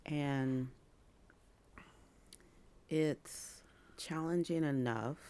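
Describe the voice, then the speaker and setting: A woman's voice: sits low, very slow, dark tone, clear, resonant tone. A woman co-hosting a casual podcast, a teacher who is playful and laughs easily. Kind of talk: casual chat.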